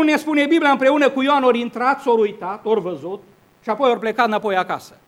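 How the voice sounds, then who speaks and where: A man's voice: very high-pitched, fairly bright tone. A man preaching a sermon at a church service, earnest, asking rhetorical questions and often restarting his sentences.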